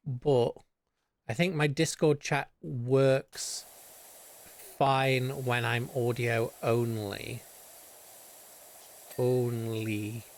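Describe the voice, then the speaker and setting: A man's voice: mid-range voice, fairly even intonation, drawn-out words, a little hiss or hum. A young British man streaming a game, chatting casually and rambling, humming nonsense to himself. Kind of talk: casual chat while gaming.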